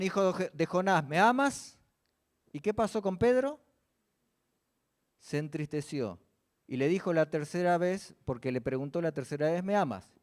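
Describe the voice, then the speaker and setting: A man's voice: sits high, dark tone. A man preaching a church sermon, often asking the congregation questions and answering them himself.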